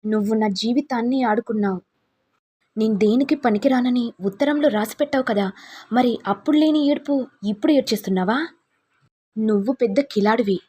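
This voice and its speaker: A woman's voice: a little high, fairly quick, pauses often, dark tone, husky. A woman voicing an angry young husband who taunts and accuses his wife. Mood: taunting.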